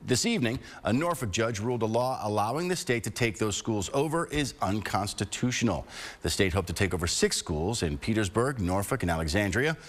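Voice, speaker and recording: A man's voice: lowish voice, lively intonation, fairly quick. An American man reading scripted television news as an anchor.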